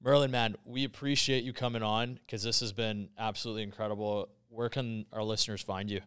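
A man with a lowish, smooth voice, recorded close and dry, hosts a podcast. He chats casually and earnestly in informal, bro-like phrasing. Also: level tone, fairly quick, a bit bright, no room sound. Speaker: podcast host. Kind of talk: casual chat.

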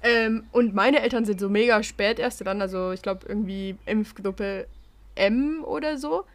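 Young woman with a soft-R speech impediment. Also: medium pitch, measured pace. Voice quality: trouble pronouncing the R sound. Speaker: podcast co-host. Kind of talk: casual chat.

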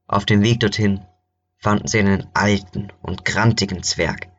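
A man's voice: fairly low pitch, steady tone, normal speed, a bit bright, dull audio. A man narrating a fairy tale in a plain, conversational storytelling style.

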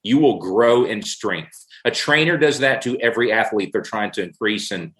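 A man's voice: lowish voice, animated, normal speed, fairly bright tone. A middle-aged man in a casual faith discussion, telling stories earnestly and repeating key phrases for emphasis. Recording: roomy echo.

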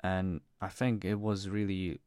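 Low-voiced hesitant young man. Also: little pitch movement, measured pace, a little mellow, smooth, no room sound, clean studio sound. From Czech Republic. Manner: hesitant, full of fillers and restarts. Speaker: podcast guest. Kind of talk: casual personal conversation.

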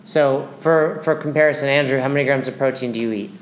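A man's voice: mid-range voice, fast talker, rough recording. A man hosting as a nutrition coach, explaining things in casual, instructional talk.

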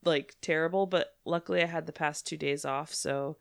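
A woman's voice: deep voice, steady tone, moderate pace, vocal fry, clear, resonant tone. A woman hosting a casual podcast, giggly and chatty, congested with a cold and a blocked nose. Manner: giggly, frequent filler "like". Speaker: podcast host.

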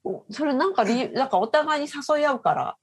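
A woman's voice: high-pitched, lively intonation, brisk. A woman co-hosting a podcast in casual chat, listening attentively and nodding along often. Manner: attentive, frequent back-channel nods. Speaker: podcast co-host.

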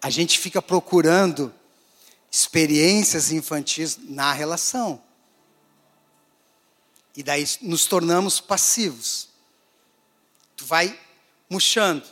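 A male pastor preaching a sermon, swinging between raised, emphatic phrases and hushed, quiet ones. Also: a little high, slow, pauses often. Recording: long hall reverb.

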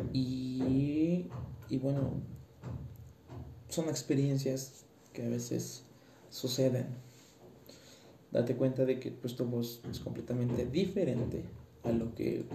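Dark-voiced young man with a Mexican accent. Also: medium pitch, gravelly. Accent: Mexican Spanish. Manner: chatty, hesitant, full of fillers. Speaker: podcast host, singing student. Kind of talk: casual solo podcast talk. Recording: echoey room with faint background noise.

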